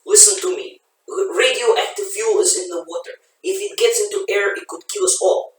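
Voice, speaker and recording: A man's voice: high voice, sing-song, normal speed, voice pushed up. A man voicing a panicking male ship's doctor who speaks anxiously and insistently. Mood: alarmed. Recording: echoey room, voice from a distance.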